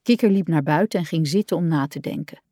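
A woman reading a children's storybook aloud in an expressive, warm way. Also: low voice, quick pace, dry recording, studio quality. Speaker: audiobook reader.

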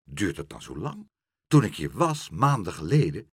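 A man voicing an earnest little boy who is quick to worry, in a children's storybook reading. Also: deep voice, sing-song, slightly rough, no echo, studio quality, voice pushed down, full character voice. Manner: earnest, easily upset.

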